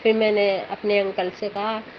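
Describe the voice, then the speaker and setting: A middle-aged woman with a mid-range voice speaks at a moderate pace in a level tone, earnestly sharing a rambling, emotional devotional testimony about her husband. The lo-fi recording sounds dull, with faint background noise.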